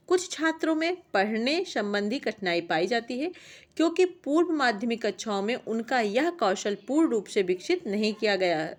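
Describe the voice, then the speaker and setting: Woman teacher reading exam points. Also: fairly high pitch. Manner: reads lists of points, steady classroom delivery.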